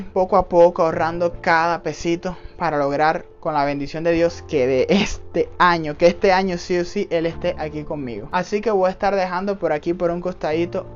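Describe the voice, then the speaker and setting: A young Cuban man with a Cuban accent, casually answering viewer questions in a vlog, earnest and emphatic and often calling his viewers family. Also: high voice. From Cuba. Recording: dull lo-fi audio with faint background music.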